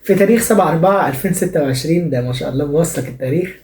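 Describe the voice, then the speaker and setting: Hosting a comedic advice program, this young man with an Egyptian Arabic accent talks fast, ribbing listeners with playful sarcasm. His voice is a little high yet mellow and easygoing, recorded in an echoey room.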